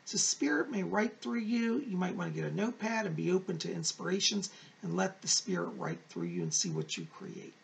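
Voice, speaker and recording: A man's voice: high voice, very animated, brisk, vocal fry, slight background noise. A man reading weekly horoscopes like a fortune teller, effusive, encouraging and emphatic, speaking straight to his viewers.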